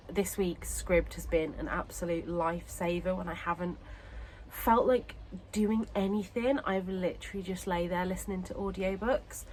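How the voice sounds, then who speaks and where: A woman's voice: on the low side, a little hiss or hum, low-quality recording. A woman vlogger talking casually about books, short of breath and ill. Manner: chatty, pauses to catch breath. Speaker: book vlogger. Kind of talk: casual chat to camera.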